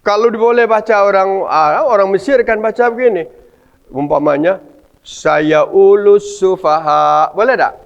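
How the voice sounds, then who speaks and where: Male preacher, slightly high voice, animated and questioning, dull lo-fi recording. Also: fairly quick. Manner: animated, asks the audience rhetorical questions. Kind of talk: mosque study sermon.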